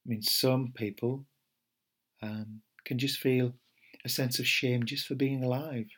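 A middle-aged man, a meditation teacher giving a gentle, unhurried podcast talk with fillers and restarts. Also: mid-range voice, level tone, slightly rough.

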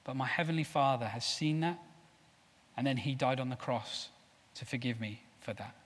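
A man preaching a sermon with passion, swinging from loud declarations to soft, low asides. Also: normal speed. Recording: long hall reverb.

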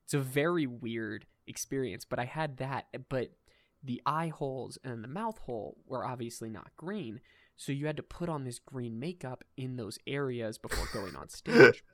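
A young man in his twenties hosting a casual podcast chat, animated, laughing often and filling his talk with "like" and "dude". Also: medium pitch, normal speed, dry recording. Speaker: podcast host.

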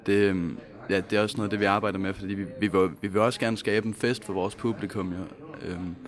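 A man's voice: lowish voice, level tone. A Danish man, a band member, talking about the band's music in a hesitant, good-humoured way. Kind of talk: casual interview answers. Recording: crowd chatter in the background. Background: crowd.

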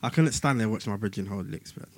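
A man's voice: lowish voice, fast, breathy edge, dry recording. A man with a London roadman accent and slang, arguing emphatically in casual banter and often repeating himself. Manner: roadman street slang delivery.

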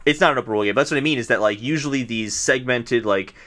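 Bright-voiced man chatting about games. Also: medium pitch, quick pace. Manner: relaxed, explanatory, with fillers. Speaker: podcast co-host. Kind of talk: casual chat.

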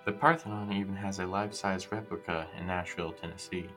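A man's voice: low voice, fairly even intonation, fast, music in the background. A man reading out facts in a school presentation. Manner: plain, reads out facts. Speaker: class presenter. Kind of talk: read-aloud school presentation.

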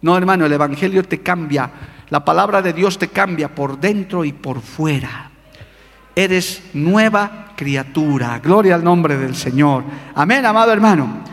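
Male pastor, high gravelly voice, fervent preacher, echoing hall reverb. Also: a little slow. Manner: fervent preaching with call-and-response. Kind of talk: sermon.

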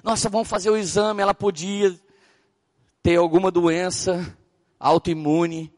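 A Brazilian man preaching as a pastor, telling stories with animated acted-out dialogue. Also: sits high, a little slow. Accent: Brazilian Portuguese. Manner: animated storytelling, acting out dialogue. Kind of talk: sermon.

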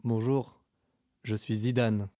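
A man's voice: medium pitch, level tone, takes it slowly, mellow, close to an everyday voice. Grandiose enigmatic stranger, male, pompous, played by a man. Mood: pompous lofty.

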